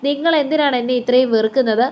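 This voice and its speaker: A woman reading the lines of a grieving young wife who speaks quietly and tremblingly. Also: high-pitched, fast talker, slight background noise, close to an everyday voice. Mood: hurt.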